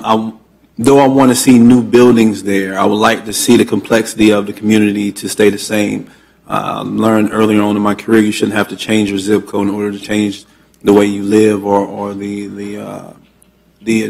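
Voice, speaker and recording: Male commissioner, low even voice, halting earnest questions with restarts, public hearing. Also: gravelly, husky. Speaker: county commissioner.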